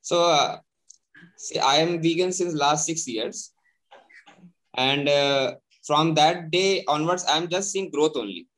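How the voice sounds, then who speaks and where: A man with an Indian English accent, a cafe founder talking earnestly in an interview, pausing often with "uh". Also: on the high side, a bit bright, low-quality recording. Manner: earnest, many hesitations. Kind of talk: video call interview.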